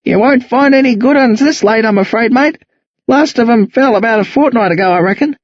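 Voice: medium pitch, a little fast, no room sound, lo-fi sound, pitched above the performer's own voice, close to an everyday voice. A reader voicing a friendly, chatty older country man with a broad, slangy drawl. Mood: easygoing.

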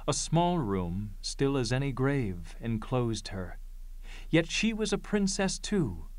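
A man playing a grave chorus elder in a Greek tragedy, reciting verse with solemn, measured declamation. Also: medium pitch, darkish tone, no echo.

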